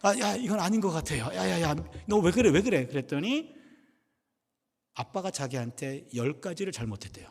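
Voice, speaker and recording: Middle-aged pastor guy, high lively voice, tells stories and plays every part, big church reverb. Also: normal speed, creaky. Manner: animated storytelling, acting out family dialogue. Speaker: pastor and former professor. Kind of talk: sermon with storytelling. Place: church sanctuary.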